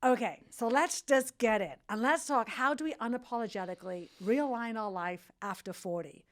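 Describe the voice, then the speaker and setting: A woman's voice: a little high, moderate pace. Frank, playful woman host in her fifties. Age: 50s. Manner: frank and playful, swears at her own slips. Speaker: podcast host. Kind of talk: casual podcast interview.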